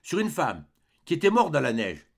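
A man's voice: fairly high pitch, huge pitch swings, normal speed, creaky, breathy edge, pitched above the performer's own voice, full character voice. A man voicing a lost young boy. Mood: subdued. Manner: short, subdued replies. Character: abandoned young boy, cold and hungry.

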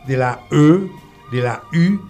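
A man teaching French pronunciation in a lesson, repeating and spelling out words slowly for the listener. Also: on the high side, animated, darkish tone, soft background music. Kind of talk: language lesson.

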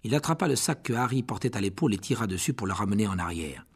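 A man reading an audiobook as narrator, in expressive scripted storytelling. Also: lowish voice, quick pace, breathy edge.

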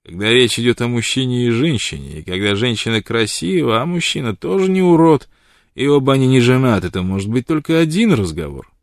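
Storybook figure: loud blunt old woodsman, read by a man, dry close sound. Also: mid-range voice, animated, brisk, no room sound, lightly acted. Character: gruff old frontiersman, blunt and devoted.

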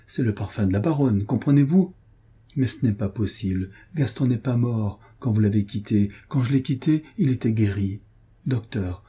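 A man's voice: fairly low pitch, warm tone, breathy edge. A man reading aloud, voicing a grief-stricken young noblewoman who pleads in a feverish, desperate way.

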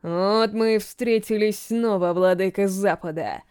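A woman reading an audiobook, voicing a sinister male spirit that speaks through a corpse in a slow, distant voice. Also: mid-range voice, darkish tone, clear, resonant tone, no echo, clean studio sound. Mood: menacing. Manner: slow, drawn-out, commanding menace. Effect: distant, faraway voice. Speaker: audiobook narrator. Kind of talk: scripted audiobook narration.

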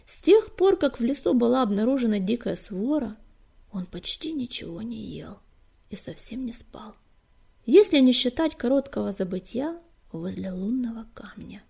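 A woman narrating an audiobook, reading softly and breathily and often sinking to a whisper. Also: on the high side, very animated, moderate pace, gravelly, slightly rough.

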